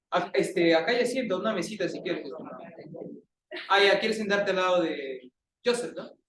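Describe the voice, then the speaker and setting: A man with a Peruvian accent teaches a class, bantering and poking fun at his students. His voice sits high, and it is caught from a distance in a bare, echoey classroom. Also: lively intonation, takes it slowly, pauses often, crowd noise. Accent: Peruvian Spanish. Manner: playful, teasing banter with students. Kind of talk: classroom lecture.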